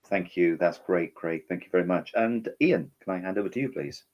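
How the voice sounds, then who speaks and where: Husky-voiced man chairing a panel. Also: deep voice, fairly quick, muffled recording. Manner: polite, chatty moderator with restarts. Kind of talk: moderating a webinar panel.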